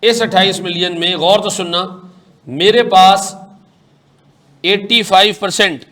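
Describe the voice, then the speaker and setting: A man teaching an accounting class. He talks briskly, keeps questioning his students and explains with homely everyday examples. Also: high-pitched, pushed and bright. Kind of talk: classroom lecture.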